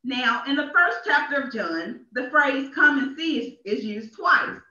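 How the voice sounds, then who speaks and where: In a small church, a woman minister reads her sermon with deliberate emphasis, repeating phrases for effect. Her voice is high-pitched, animated and sharp, a little slow, and the distant livestream mic leaves it echoey and dull.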